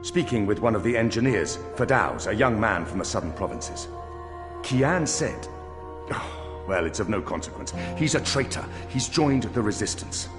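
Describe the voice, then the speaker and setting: Male actor as aggrieved game general, low voice, grave, formal, commanding, echoing hall. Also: expressive, normal speed, lightly acted. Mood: grave, troubled. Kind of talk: dramatic video game acting. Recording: reverberant hall with music.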